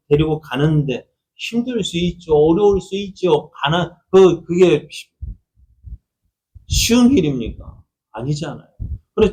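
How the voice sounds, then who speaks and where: Male pastor, middle-aged, fairly high voice. Chatty Sunday sermon with questions to the pews and acted-out quotes. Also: darkish tone, low-quality recording. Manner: conversational, asks the congregation questions; acts out quoted speech in a raised voice.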